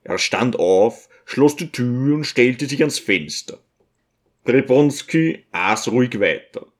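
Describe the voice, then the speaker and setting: A man's voice: medium pitch, animated, takes it slowly. Man narrating a classic novel. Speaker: audiobook reader. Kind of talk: scripted narration.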